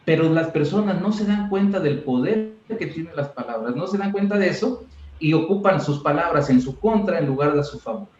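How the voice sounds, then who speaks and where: A man in an interview, explaining ideas as a mental coach and acting out quoted examples in an animated way. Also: on the high side, a little fast, roomy sound, lo-fi sound.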